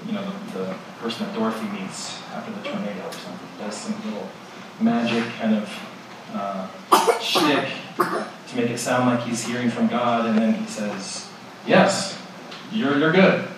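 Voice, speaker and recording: A man's voice: on the low side, fairly even intonation, moderate pace. A man preaching a sermon in a conversational way, posing rhetorical questions to his listeners. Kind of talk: expository sermon. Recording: echoey hall, distant mic, background noise.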